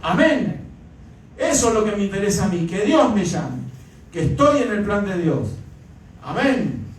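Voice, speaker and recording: A man's voice: high voice, big pitch swings, normal speed. A male pastor preaching a sermon, pressing each point hard and punctuating it with amens. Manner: emphatic preaching with repeated amens. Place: church. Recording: echoey church hall, mic far off.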